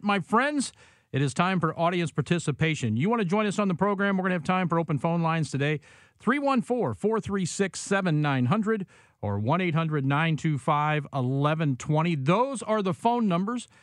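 An American man hosting a radio show, giving a booming, sing-song welcome in show-opening patter. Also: no room sound, studio quality. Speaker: radio host. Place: radio studio.

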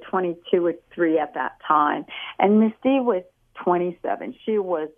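A woman's voice: fairly low pitch, moderate pace. Older woman talking over a tinny phone. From California. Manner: chatty, rambling storyteller. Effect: heard over a phone line. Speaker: guest author. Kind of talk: phone interview.

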